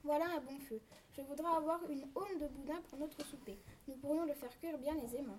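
A woman's voice: high-pitched, fairly quick, darkish tone, slight background noise, natural voice. A woman voicing a poor wife who longs for riches in a storybook reading, eager and dramatic. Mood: cheerful.

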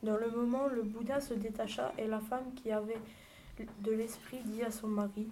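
A woman's voice: on the high side, steady tone, moderate pace, warm tone. A woman narrating a fairy tale, reading steadily with a few small stumbles. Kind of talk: storybook reading aloud. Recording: noisy home recording with clicks.

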